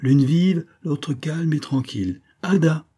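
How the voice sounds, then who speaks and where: A man reading aloud voices an effusive, flattering middle-aged army major with a theatrical, gushing manner. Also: mid-range voice, moderate pace, husky. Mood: reproachful.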